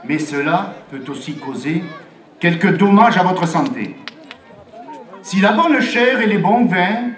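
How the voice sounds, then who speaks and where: A man playing a medieval herbalist who hawks cures like a town crier, declaiming theatrically to passers-by. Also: high voice. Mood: grandly solemn. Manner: theatrical, declamatory, slow proclaiming to a crowd. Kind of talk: town crier street patter at a medieval pageant. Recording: distant, echoing outdoor event recording with music.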